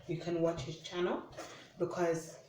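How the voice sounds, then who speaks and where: A woman's voice: on the low side, unhurried. A woman from Uganda casually narrating her kitchen prep in a vlog, walking through each task step by step. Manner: relaxed, chatty, narrating tasks step by step. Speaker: vlogger. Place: home kitchen. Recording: echoey room, mic at a distance, noisy background.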